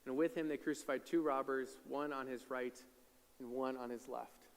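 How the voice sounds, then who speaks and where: A man's voice: medium pitch, steady tone, moderate pace. A man preaching a sermon as pastor, retelling scripture in a conversational way and voicing the crowd's lines. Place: church sanctuary. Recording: long hall reverb.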